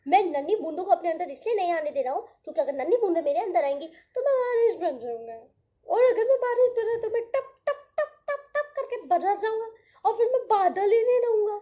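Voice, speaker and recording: A woman voicing a big, grumpy, stubborn male cloud who protests loudly and in a flustered way, for a children's storybook tale. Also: very high voice, expressive, brisk, pitched above the performer's own voice. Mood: protesting. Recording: dull lo-fi audio.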